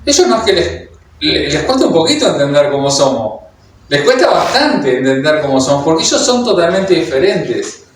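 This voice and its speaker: A man's voice: a little high, big pitch swings, normal speed, a little hiss or hum. A Uruguayan man with a Uruguayan Spanish accent preaching to a congregation, hesitant, with many fillers and restarts. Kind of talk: sermon. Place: church hall. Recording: very echoey hall, heard from a distance.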